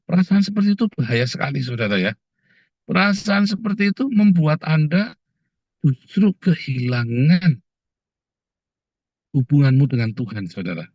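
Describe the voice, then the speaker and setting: A man preaching a casual, animated sermon, often calling his listeners "saudara" and slipping into quoted voices. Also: mid-range voice, dry recording. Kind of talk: conversational sermon. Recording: dull muffled dry sound.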